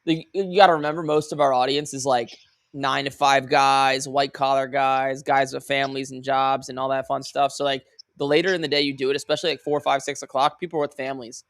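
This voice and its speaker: A man's voice: medium pitch, flat delivery, fairly bright tone, no room sound, studio quality. A man hosting a call-in show, chatting casually and informally with callers, often restarting his sentences. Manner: halting, informal, with repeated false starts. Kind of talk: casual unscripted chat with callers.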